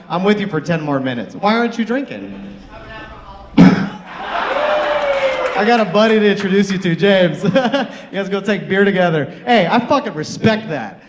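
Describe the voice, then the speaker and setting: A man's voice: sits high, slight background noise. A man doing a stand-up comedy set in a comedy club, teasing the crowd with crude banter. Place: comedy club stage with live audience.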